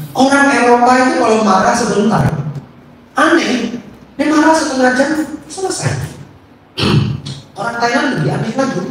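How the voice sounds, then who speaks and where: A man's voice: fairly high pitch, a little hiss or hum. A middle-aged man, a Buddhist monk, giving a humorous Dhamma talk with stories and rhetorical questions to his audience. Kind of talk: sermon. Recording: echoey hall, mic at a distance.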